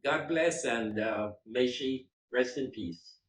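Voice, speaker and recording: A man giving a fond, reminiscing eulogy with gentle self-mocking humor. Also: medium pitch, slow pace, background noise. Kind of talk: memorial eulogy. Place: large school hall. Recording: echoey hall.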